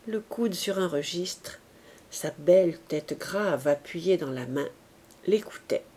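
A woman narrating a classic novel as an audiobook, with measured, even storytelling. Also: lowish voice. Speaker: audiobook reader.

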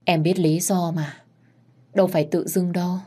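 A woman voicing a gentle, resigned young woman who speaks softly. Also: fairly low pitch, fairly even intonation, normal speed, close to an everyday voice. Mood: subdued.

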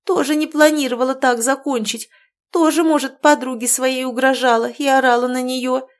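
A woman voicing an angry young woman who snaps and yells at her friend, in an audiobook. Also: on the high side, measured pace, voice pushed up, natural voice. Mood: angry yelling. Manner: shouting, sharp, scolding. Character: young woman, furious and worn out.

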